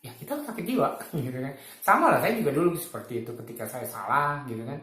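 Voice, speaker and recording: Give me a man in his fifties sharing reflections in a relaxed, chuckling manner, recorded in a roomy space. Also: mid-range voice, fast. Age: 50s. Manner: colloquial, chuckles often while making points. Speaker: speaker giving spiritual reflections. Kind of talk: casual reflective talk.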